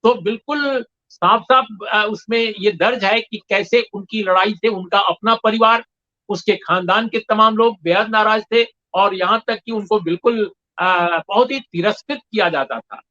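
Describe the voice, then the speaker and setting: Emphatic man with a bright, lo-fi voice. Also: high-pitched. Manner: measured, emphatic, frequent pauses and fillers. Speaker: guest commentator. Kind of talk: discussion interview. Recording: dull lo-fi sound.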